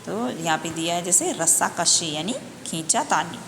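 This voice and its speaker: A woman teaches young children a Hindi lesson, going slowly and patiently as she spells out and repeats each word. Her voice is on the low side and a bit bright, with lively intonation and vocal fry, in an echoey room with faint background noise.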